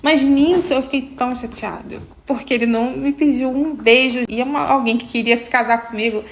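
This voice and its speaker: A woman from Brazil recounts a personal story in a lively, heartfelt vlog style, with a voice that sits a little higher than most. She speaks straight to her viewers as if chatting with friends. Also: fairly quick, slight background noise. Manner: animated, emotional, addresses viewers as "gente". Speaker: vlogger telling her love story.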